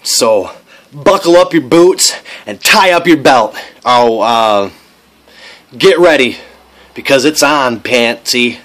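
A man's voice: medium pitch, lively intonation, slow pace, a bit bright. Cocky young man cutting a wrestling promo. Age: young adult. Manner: cocky, blustering, mock-tough boasting. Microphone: phone at arm's length.

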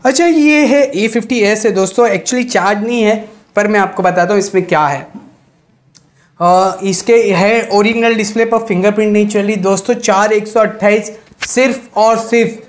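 A young man with a distinctly high voice presents stock like a shop salesman. His patter is chatty and addressed straight to the viewer, with English words mixed in. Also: normal speed. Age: young adult. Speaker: second-hand phone seller presenting shop stock. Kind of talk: sales pitch to camera. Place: small mobile phone shop, indoors. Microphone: lapel mic.

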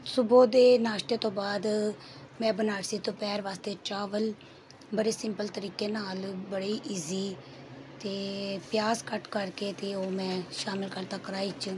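A middle-aged woman with a Punjabi accent and a hoarse throat, chatting homely through her daily cooking vlog. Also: mid-range voice, a little mellow, a little hiss or hum. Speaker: cooking vlogger. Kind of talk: casual vlog voice-over.

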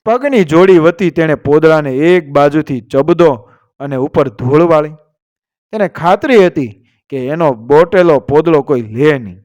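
A man narrating a village story in a steady, literary reading voice, reading the quoted lines as part of the telling. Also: on the high side, a little slow, no room sound, dull audio.

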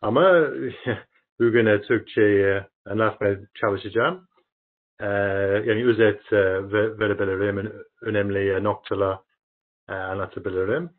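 A thin, phone-like call carries a middle-aged man's fairly low voice. He has an English speaker's foreign accent and presents in broken, halting Turkish, pausing often between short phrases. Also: fairly even intonation. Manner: halting, broken non-native Turkish with frequent pauses. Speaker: sustainability director presenting at a webinar. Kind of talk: slide presentation. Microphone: video call. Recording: thin, phone-like webinar audio.

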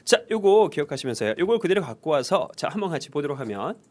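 A man teaching English conversation in an energetic lecture, leading call-and-repeat drills and cueing the class to start again and again. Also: a little high, fast.

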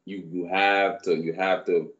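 This guest is a personal trainer in his thirties from Barbados who was raised in New York, relaxed and rambling as he shares his story in a casual interview, using many fillers. His deep voice keeps a measured pace. He's on a video call webcam in a small indoor room, and the highs are cut off.

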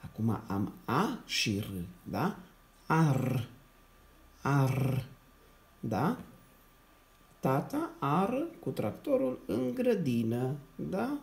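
A man teaching young children a reading lesson. He sounds out syllables slowly, repeats them, and keeps checking in with the class in a patient, encouraging way. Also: fairly high pitch, huge pitch swings, gravelly. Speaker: primary school teacher.

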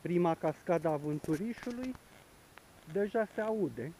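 A man's voice: sits high, expressive, mellow, a little hiss or hum, rough recording. A man narrating a hiking vlog outdoors on a forest trail, explaining the path as he walks. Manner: explanatory, pointing things out along the way.

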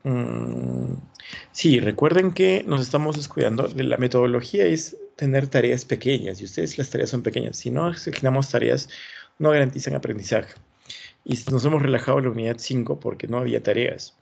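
Guy teaching online over a dull lo-fi line, raspy voice, encouraging. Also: medium pitch, normal speed, darkish tone. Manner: encouraging, thinking aloud. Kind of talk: online class, reviewing student work. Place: online video class. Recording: dull lo-fi sound.

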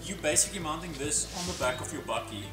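Higher-voiced South African man vlogging over music. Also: quick pace. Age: young adult. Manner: slangy, jokey. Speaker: vlog host. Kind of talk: casual vlog chat. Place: warehouse indoors, handheld camera mic.

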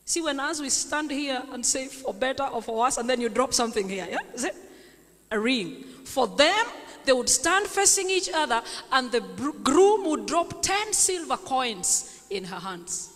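A Kenyan woman preaching a sermon in a church, telling stories at a deliberate pace and asking the congregation questions. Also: sits high, lively intonation, a bit bright. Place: large church sanctuary. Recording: echoey church hall.

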